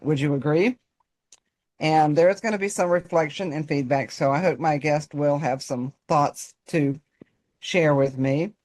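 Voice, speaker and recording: A woman's voice: low voice, a little mellow. Southern woman coach with a North Carolina accent. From North Carolina, United States. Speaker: personal development coach, guest presenter. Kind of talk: informal presentation to a group.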